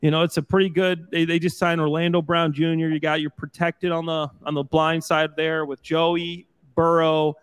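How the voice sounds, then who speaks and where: A former pro football player, now an analyst, talking football in a casual sports-talk style. His voice sits a little high, and his delivery is upbeat, joking and energetic. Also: moderate pace, few pauses, smooth.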